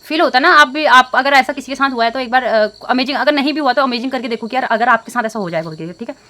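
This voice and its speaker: A young woman speaks fast and somewhat high to her phone camera, upset and rambling. She restarts her sentences often and fills the gaps with hesitations. Her talk is an unscripted casual vlog. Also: pushed and bright. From India. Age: young adult. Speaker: vlogger.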